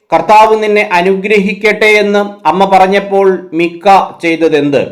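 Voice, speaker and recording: Numbered questions come first in this Bible quiz, read by a male host, and every answer follows in his lower, softer voice.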